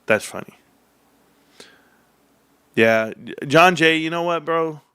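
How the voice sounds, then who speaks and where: A man in his forties hosting a casual stock livestream, calling his viewers "bros" and "guys". He jumps into high, hyped bursts, then drops to low muttering. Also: slow pace, bright, forceful tone, smooth, no echo, clean studio sound. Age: 40s.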